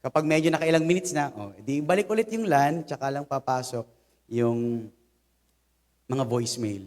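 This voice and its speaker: A young Filipino man preaching a sermon in a humorous, conversational way, telling lively personal stories to his congregation. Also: mid-range voice, moderate pace. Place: church hall. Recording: long hall reverb.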